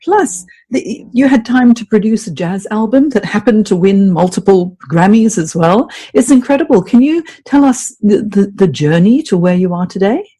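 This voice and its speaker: A woman's voice: mid-range voice, animated, moderate pace, hardly any pauses, dark tone, husky, dry recording. A woman from Hong Kong hosting an interview podcast, asking questions with effusive admiration. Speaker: host.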